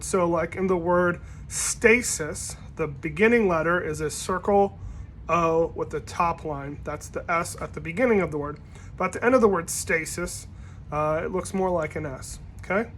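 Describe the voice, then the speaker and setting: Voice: mid-range voice, a little hiss or hum. Church Greek instructor, casual recorded lesson, easygoing delivery with frequent fillers and restarts. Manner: relaxed, conversational, with frequent ums and self-corrections. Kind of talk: informal recorded language lesson.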